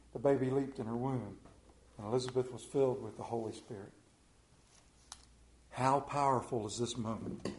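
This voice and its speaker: A middle-aged television pastor with an Appalachian accent preaches a sermon in a folksy, storytelling style packed with rhetorical questions. His voice is medium-pitched and warm, and the recording has a roomy echo.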